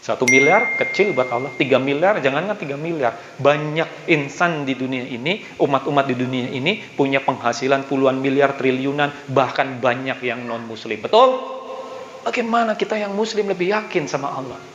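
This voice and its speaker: A man's voice: mid-range voice, normal speed, a bit bright, a little hiss or hum. Rousing man preaching in an echoey hall. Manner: rousing, asks the audience questions, acts out prayers. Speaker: business motivation speaker. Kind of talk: motivational religious talk to a congregation. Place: mosque hall. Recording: echoey, dull hall recording.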